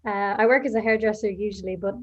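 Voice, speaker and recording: A woman's voice: medium pitch, steady tone, quick pace, natural voice. A woman playing a nervous thirty-eight-year-old hairdresser on a group video call. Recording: dull video-call audio.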